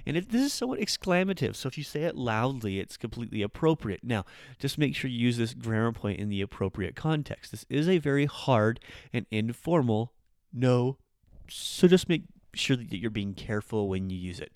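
A man's voice: medium pitch, very animated, moderate pace, a little mellow, no room sound, studio quality. A man hosting a casual, chatty language lesson as a podcast teacher, with rolled R's when he speaks Japanese. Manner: informal, chatty, explains with acted-out examples. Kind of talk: casual spoken grammar lesson.

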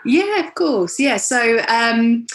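A woman with an Essex accent talking casually as an interview guest, chatty and informal, quick to laugh. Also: on the high side, animated. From Essex, England. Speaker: magazine editor, podcast guest.

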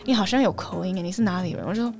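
Lively young woman guest, from Canada. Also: mid-range voice, very fast, soft background music. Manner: animated, acts out quoted dialogue, laughs often. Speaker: podcast guest, graduate student. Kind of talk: casual chat.

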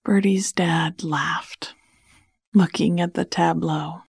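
A woman narrating a bedtime story in a soft, hushed, soothing whisper close to the mic. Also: fairly low pitch, fairly even intonation, slow, vocal fry, husky, no room sound.

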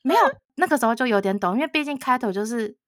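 A woman's voice: a little high, racing, no room sound, clean studio sound. Laughing woman telling a story. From Taiwan. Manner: animated storytelling, frequent laughter, quotes others. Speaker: podcast co-host. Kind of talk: casual storytelling chat.

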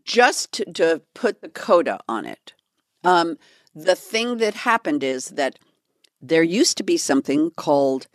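Lively storytelling woman, low-voiced. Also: measured pace, dry recording, studio quality. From California. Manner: animated storyteller who acts out quotes. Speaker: podcast co-host. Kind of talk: casual storytelling chat.

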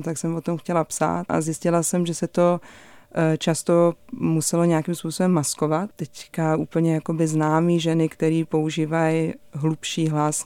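Deep-voiced young woman, smooth tone, flat intonation, dry close sound, animated storytelling. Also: no echo. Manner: animated, many hesitation fillers. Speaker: interview guest, voice performer. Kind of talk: conversational storytelling.

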